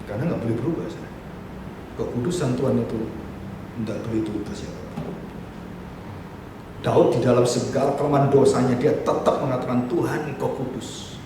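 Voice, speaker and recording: A male pastor preaching in speech, animated and acting out biblical dialogue. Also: mid-range voice, fairly quick, pauses often. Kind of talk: sermon. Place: church hall. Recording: echoey hall, distant mic, faint noise.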